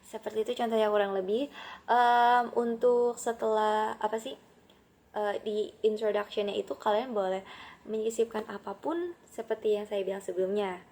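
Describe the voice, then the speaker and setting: A woman's voice: mid-range voice, a little mellow. A young woman with an Indonesian accent, an English teacher explaining a lesson casually, with many fillers and English phrases dropped into her talk. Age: young adult.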